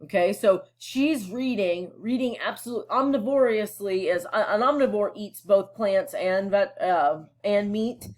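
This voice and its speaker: Her medium-pitched voice has a darkish tone, and she reads a little slowly with few pauses. The woman is a teacher going through a novel aloud for students, explaining casually, checking in often, and using frequent fillers.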